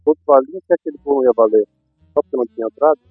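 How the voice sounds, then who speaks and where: A man's voice: mid-range voice, racing, slightly rough, no echo. A man telling an anecdote in a casual, conversational way. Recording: muffled phone-like sound, faint music.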